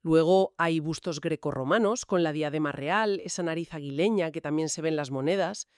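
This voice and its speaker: A podcast co-host with a measured, explanatory manner, laying out history points one by one in casual conversation. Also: medium pitch, dry recording, studio quality.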